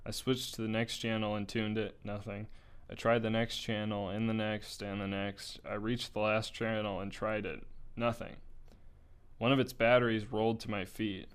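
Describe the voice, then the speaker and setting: A young man reads a first-person story aloud, casual and a little unpolished, tripping on words and tossing in asides. His voice is smooth and sits on the low side. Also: little pitch movement, moderate pace. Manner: casual, with slips, laughs and asides.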